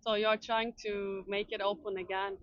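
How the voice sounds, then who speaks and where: A woman interviewer with chats in a casual way. She agrees often and repeats what she hears. Her mid-pitched voice sits in a dry, slightly muffled recording. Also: little pitch movement, normal speed, fairly bright tone. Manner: agreeable, echoes the other's words.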